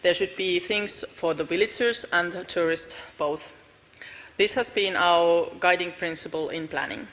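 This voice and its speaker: A woman's voice: fairly low pitch, unhurried, a bit bright. A woman with a Finnish accent giving a conference talk about her village as a volunteer, speaking carefully. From Finland. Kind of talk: conference presentation. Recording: reverberant conference hall.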